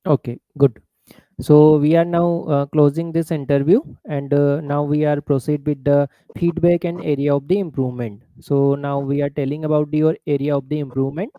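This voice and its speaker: A man with an Indian accent, an interviewer coaching a candidate with halting, instructive feedback. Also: a little high, level tone, no room sound, lo-fi sound.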